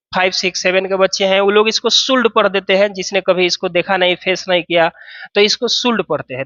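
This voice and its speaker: A male teacher gives a classroom grammar lesson in a high, bright voice. He walks through each rule step by step, often posing a question and answering it himself. The sound is dry and slightly muffled. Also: dry recording. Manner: explains step by step, asks and answers own questions. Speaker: English teacher.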